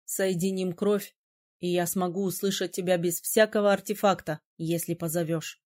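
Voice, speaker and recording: A woman reading an audiobook, voicing a calm, teasing young male prince with a slightly lower, softer voice. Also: moderate pace, close to an everyday voice. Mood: gentle amused.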